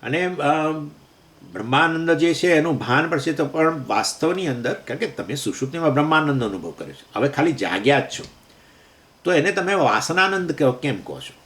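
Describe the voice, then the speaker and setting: A man with a slightly high, sing-song voice and a fairly bright tone teaches a scripture lecture as a Vedanta teacher. He explains verses through everyday examples, poses questions and answers them himself, and chants Sanskrit verses slowly.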